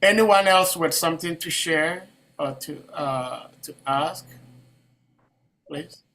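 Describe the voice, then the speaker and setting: A man's voice: on the high side, slow, bright, forceful tone, poor audio. A man moderating an online devotional discussion, speaking humbly and carefully with many fillers over a video call. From Ghana.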